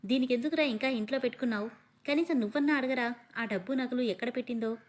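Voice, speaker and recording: A woman's voice: fairly high pitch, fast talker, close to an everyday voice. A woman voicing a scheming middle-aged aunt who scolds and wails in a storybook reading. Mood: accusing. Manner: scolding, wailing.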